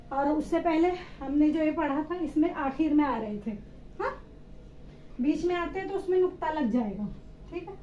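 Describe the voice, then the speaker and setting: A woman teacher with a high, mellow voice gives children a step-by-step reading lesson, patiently spelling out letters and answering her own questions. The recording is roomy and slightly dull, with faint ambience and a little hiss or hum.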